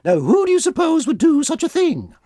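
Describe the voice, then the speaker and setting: The narrator voicing a gentle mother bear in a storybook radio play, in a sweet, fussing, motherly manner. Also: high voice, huge pitch swings, fairly quick, no echo, studio quality, pitched above the performer's own voice. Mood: soothing. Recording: music playing underneath.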